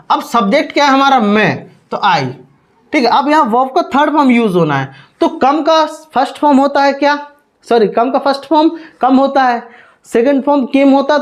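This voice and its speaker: A man teaching English grammar as a step-by-step lesson, explaining slowly, spelling words out letter by letter and often checking in with "okay". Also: very high voice.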